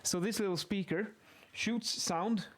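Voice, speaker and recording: Speaking a little slowly in a high-pitched voice, a man explains acoustic measurement methods in a casual, improvised lesson while sketching. He thinks aloud and corrects himself throughout.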